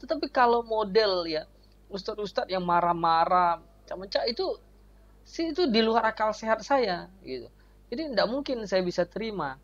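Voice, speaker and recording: An evangelist hosting his channel comments earnestly on a video, leaning heavily on tag fillers such as "ya" and "gitu loh." His high, slightly bright voice swings widely in pitch at a normal speed. The recording has a dull, lo-fi sound.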